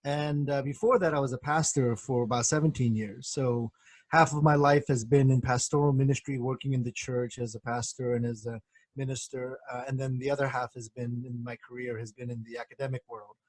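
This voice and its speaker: Casting note: middle-aged man, husky tone, dry close sound, thoughtful guest with soft fillers. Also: mid-range voice, fairly even intonation, dry recording. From born in Korea, grew up in the United States. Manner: measured, reflective, many soft fillers. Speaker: guest, professor and former pastor. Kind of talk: thoughtful interview answers.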